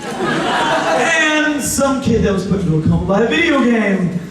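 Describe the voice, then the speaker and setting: A man's voice: very high-pitched, big pitch swings, measured pace, over a noisy crowd, full character voice. A man playing a flamboyant, sardonic villain who hosts a live game show as a theatrical, taunting showman. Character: flamboyant, sardonic male villain host Pegasus. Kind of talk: live stage show announcing. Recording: echoey hall from far off, background noise.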